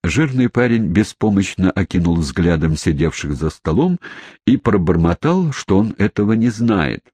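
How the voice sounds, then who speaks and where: A man reading a storybook aloud in an expressive, dramatic narration. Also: deep voice, moderate pace, breathy edge, dry recording. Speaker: audiobook reader. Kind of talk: scripted narration.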